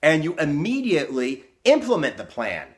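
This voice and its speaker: A man's voice: a little high, huge pitch swings, normal speed. A man coaching in a blunt, profane motivational rant, tagging "okay?" and "you know" onto his points. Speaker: fitness and success coach.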